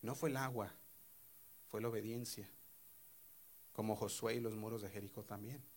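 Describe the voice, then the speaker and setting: Animated preacher man. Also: fairly low pitch, moderate pace. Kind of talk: sermon retelling a Bible story.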